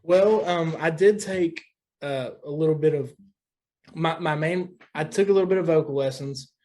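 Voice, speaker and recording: A man's voice: a little high, normal speed, dark tone, faint music behind. A young man from West Virginia, a guest musician talking loosely in a casual podcast chat, often saying dude.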